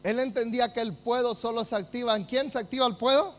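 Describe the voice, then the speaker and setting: High-voiced Paraguayan pastor preaching emphatically. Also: male voice, quick pace. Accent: Paraguayan Spanish. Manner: emphatic preaching, swinging from hushed to loud calls. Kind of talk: sermon.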